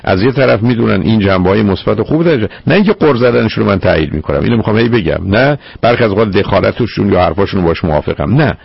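A man's voice: fairly low pitch, animated, creaky, few pauses, slightly rough, no echo, dull audio. A man hosting a radio call-in show as a psychologist, probing and lecturing his caller firmly. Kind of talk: call-in advice counseling.

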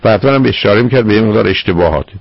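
A man's voice: lowish voice, creaky, no echo, highs cut off. A man hosting a radio call-in show as a psychologist, probing and lecturing his caller firmly. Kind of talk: call-in advice counseling.

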